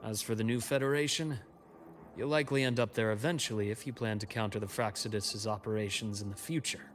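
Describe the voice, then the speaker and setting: An actor playing a calm, secretive male informant in a video game, delivering grave, deliberate exposition. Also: lowish voice, close to an everyday voice.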